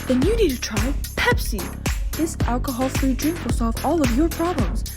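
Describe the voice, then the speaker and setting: A young woman playing an upbeat TV commercial announcer with a slow, salesy delivery. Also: sits high, big pitch swings, loud music behind the voice. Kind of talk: mock commercial.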